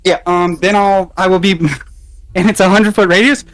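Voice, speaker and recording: A man playing a tabletop game, halting and thinking aloud about his moves. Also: sits high, fairly even intonation, a bit bright, no echo. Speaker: player. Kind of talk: casual tabletop play.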